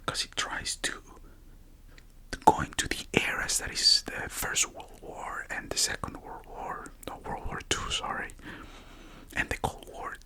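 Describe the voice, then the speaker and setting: Playing a librarian for ASMR, the performer whispers in a hushed library voice throughout the role-play, pausing haltingly and correcting herself as she quietly explains.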